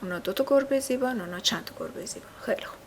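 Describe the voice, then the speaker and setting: A woman giving a recorded language lesson, patiently repeating words slowly and drilling her learners. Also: on the high side, slight background noise. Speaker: language teacher.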